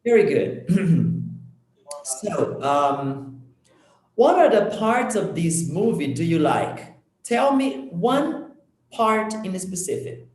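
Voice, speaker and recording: Man teaching English over a video call, slow careful speech, slightly high voice, echoey room. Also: big pitch swings. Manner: patient, corrects and models pronunciation slowly. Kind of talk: conversation practice lesson.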